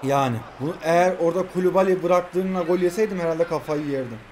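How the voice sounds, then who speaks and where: A man in his twenties commenting his own mobile football match, shouting at his players in excited outbursts and dropping into low muttered asides between them. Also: fast talker. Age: 20s. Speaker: mobile football gamer streamer. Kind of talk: live gameplay commentary.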